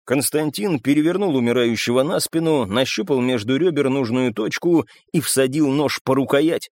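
A man's voice: mid-range voice, moderate pace, a little mellow, no echo, clean studio sound. A man narrating an audiobook in a tense, dramatic reading. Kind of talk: scripted narration.

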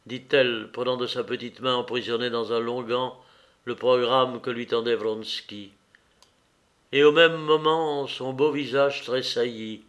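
Male audiobook narrator, mid-pitched, very slow measured reading of a classic novel. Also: a bit bright. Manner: measured and deliberate.

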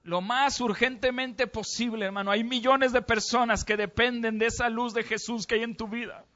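Mexican-accented male preacher, fervent sermon testimony, high voice, dull lo-fi recording. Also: fairly even intonation, moderate pace, sharp tone. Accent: Mexican Spanish. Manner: impassioned storytelling, urging the congregation.

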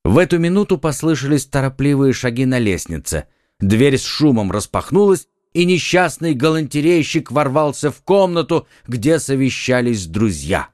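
A man narrating a children's audiobook in an expressive, varied way. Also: mid-range voice, moderate pace, no room sound, clean studio sound. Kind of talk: scripted narration.

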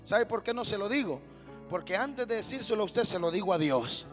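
A man preaching a sermon as pastor in a church, building to shouted amens and calling to the congregation. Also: high-pitched, animated, brisk, faint music behind. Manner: preaching with rising shouts, call-and-response amens.

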